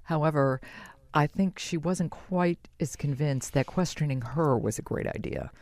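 An interviewer asking an author measured, admiring questions. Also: mid-range voice, a little mellow, no room sound. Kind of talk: interview conversation.

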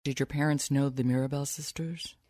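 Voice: medium pitch, fairly even intonation, fairly quick, darkish tone, no echo, studio quality. An interviewer asking prompting questions, heard from a distance. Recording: distant from the mic.

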